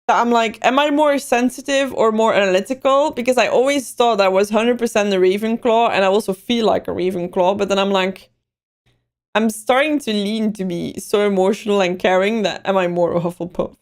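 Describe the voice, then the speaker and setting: A young Dutch-speaking woman from Belgium hosts a casual livestream in a medium-pitched, brisk voice. She rambles along, picking up chat messages as they come in.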